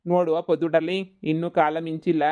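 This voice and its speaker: A woman's voice: sits low, little pitch movement, a little fast, clean tone, narrow, tinny audio, lightly acted. A woman doing a sweet-talking village suitor. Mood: coaxing. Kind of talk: cartoon comedy voice acting.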